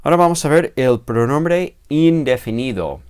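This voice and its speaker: A man's voice: medium pitch, expressive, moderate pace, a little mellow, clean tone. A man teaching a recorded grammar lesson, patient and explanatory, repeating key words and checking with "¿vale?".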